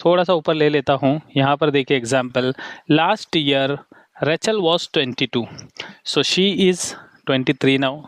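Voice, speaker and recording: Clear-voiced Hindi-speaking English teacher. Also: male voice, on the high side, no room sound. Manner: addresses viewers as friends, reads English examples slowly. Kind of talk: Hindi-medium English grammar lesson.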